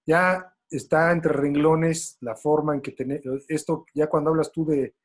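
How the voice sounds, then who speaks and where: A man with a Mexican accent runs the conversation on a slightly higher voice. He speaks casually and colloquially and slips into long anecdotes. He sounds relaxed as he hands the floor to the other speakers. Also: unhurried. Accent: Mexican Spanish. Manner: storytelling, loose and colloquial. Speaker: moderator. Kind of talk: casual panel talk.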